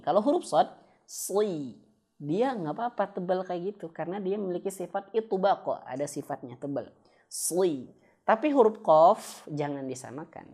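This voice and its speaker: A man teaching Quran recitation in an online lesson, patiently demonstrating each sound with slow, drawn-out recitation and addressing viewers as friends and parents. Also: sits high, darkish tone.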